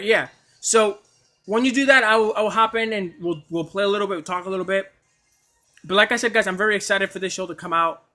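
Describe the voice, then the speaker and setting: A man talks to his livestream chat in a high, bright voice, tripping over his words as he gushes. He keeps restarting sentences and apologizing for being overexcited, in a loose, casual way. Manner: excitable, stammering, apologetic. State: coughing at times. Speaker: anime streamer.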